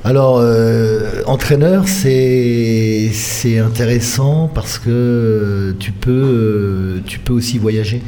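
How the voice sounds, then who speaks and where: A middle-aged handball coach from the Paris region of France answers radio interview questions in a studio, speaking conversationally and often searching for words. His medium-pitched voice is mellow, with fairly even intonation. He takes it slowly, with few pauses.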